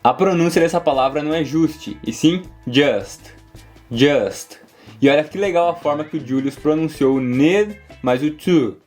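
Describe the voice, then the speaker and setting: A Brazilian English teacher talks through a video lesson in a slightly high voice, slowing down to model the words. Soft guitar music plays behind him. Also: male voice. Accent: Brazilian Portuguese. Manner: clear, slows down to model words.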